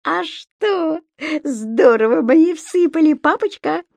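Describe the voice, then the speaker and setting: A woman voicing a cheeky, mischievous little male creature with a snout, shouting gleeful taunts. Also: sing-song, measured pace, dry recording, full character voice. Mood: proud. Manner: gleeful, teasing, shrill shouts.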